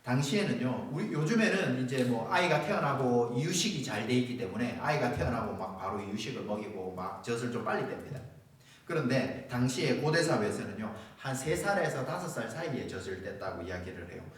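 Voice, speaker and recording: Animated pastor preaching in an echoey church. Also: male voice, medium pitch, brisk, slight background noise. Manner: animated storytelling, acting out scenes with chuckles. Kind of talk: sermon. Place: church sanctuary. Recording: echoey church hall, voice from far off.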